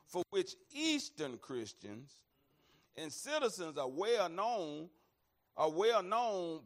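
A man from Alabama, preaching and teaching in a folksy, emphatic, conversational way, repeating phrases for weight. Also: fairly high pitch. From Alabama, American South. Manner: folksy, emphatic, repeats phrases, often addresses listeners as y'all. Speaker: preacher leading a Bible study. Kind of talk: conversational sermon and Bible teaching.

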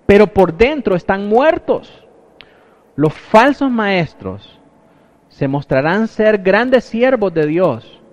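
Male preacher, high-pitched, earnest sermon delivery, muffled lo-fi sound. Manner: earnest teaching tone, addresses listeners as brothers. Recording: dull lo-fi recording.

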